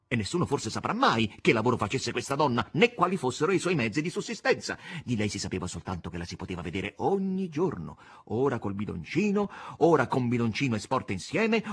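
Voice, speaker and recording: A man reading a novel aloud as an audiobook, narrating in an expressive, dramatic way. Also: mid-range voice, slightly rough. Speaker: audiobook reader.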